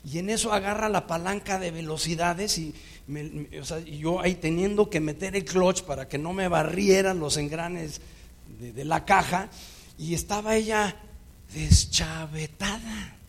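A man with a Mexican accent preaching a sermon, telling a personal story in a lively way and acting out the dialogue. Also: a little high, a little slow, gravelly. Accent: Mexican Spanish.

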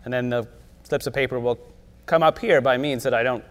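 A man's voice: medium pitch, brisk. A man moderating a casual live interview on stage, asking questions conversationally. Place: stage before live audience. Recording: echoey hall, live event.

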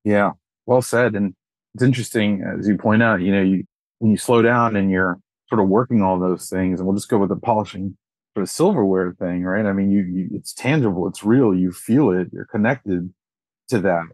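A man's voice: lowish voice, moderate pace, darkish tone, dry recording. A man co-hosting a podcast, asking long, enthusiastic, rambling questions. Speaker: podcast co-host. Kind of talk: conversational interview.

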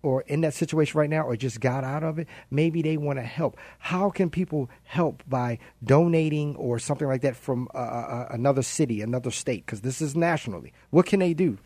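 A man's voice: medium pitch, a little fast, hardly any pauses, darkish tone, no echo. A man hosting a radio interview, talking in a chatty, enthusiastic way. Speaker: radio host.

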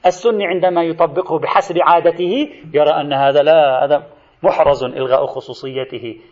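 A man's voice: fairly high pitch, fairly quick, darkish tone, muffled recording. A man lecturing to students in a recorded lesson, explaining step by step and addressing them directly.

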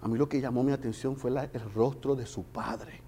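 A man preaching a sermon with passion, swinging between loud emphasis and hushed storytelling. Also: mid-range voice, fairly even intonation, moderate pace, slightly rough. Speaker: pastor.

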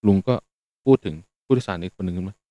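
A man hosting a podcast, telling a personal story in a relaxed, meandering way with fillers. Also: sits low, fast, no room sound, highs cut off. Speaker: podcast host. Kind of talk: casual spoken storytelling.

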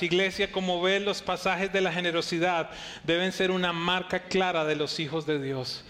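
High-voiced preaching man. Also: fairly bright tone. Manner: emphatic preaching with rhetorical questions. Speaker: pastor. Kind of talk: sermon.

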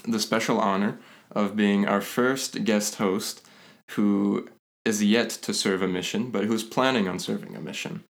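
Low, creaky-voiced male podcast host. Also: measured pace, hardly any pauses. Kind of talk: casual podcast interview.

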